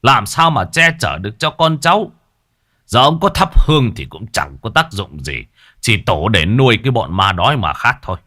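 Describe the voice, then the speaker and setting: A man voicing a shrewd exorcist master who speaks in a measured, authoritative way. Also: lowish voice, big pitch swings, sharp tone, exaggerated voice. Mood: calm. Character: shrewd male exorcist master, calm and mercenary.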